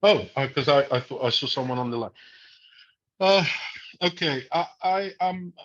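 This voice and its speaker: A man's voice: a little high, animated, moderate pace, fairly bright tone, muffled recording. A man in his seventies from Morocco, speaking earnestly and bluntly during a video call. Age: 70s. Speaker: audience member asking a question. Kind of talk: impassioned monologue on a video call.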